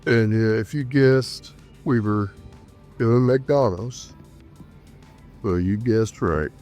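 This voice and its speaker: Sick and congested, with a cough and a nasal, stuffed-up voice, this man talks to his viewers in a folksy, casual trucker vlog. His voice is on the low side and darkish, and he takes it slowly while faint music plays behind.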